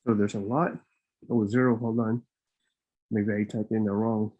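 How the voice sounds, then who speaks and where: A man's voice: fairly low pitch, level tone, normal speed, narrow, tinny audio. Man, live webinar host, informal and rambling, slightly out of breath, laptop mic. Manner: informal, rambling, with frequent fillers and restarts. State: a bit out of breath. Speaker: immigration consultant and webinar host.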